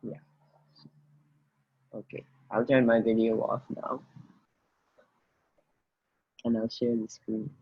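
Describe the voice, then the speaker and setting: A man's voice: on the low side, flat delivery, takes it slowly, gravelly, long pauses, slightly rough, narrow, tinny audio. A man, tutoring students in an informal online session, speaking hesitantly and often restarting his sentences. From Guyana, raised in the Bahamas. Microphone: video call.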